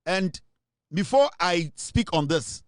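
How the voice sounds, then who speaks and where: A Ghanaian man giving a forceful, insistent monologue as a political commentator. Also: sits high, animated, a little fast, no room sound, clean studio sound. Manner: forceful, insistent, mixes English and Twi. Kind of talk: impassioned monologue.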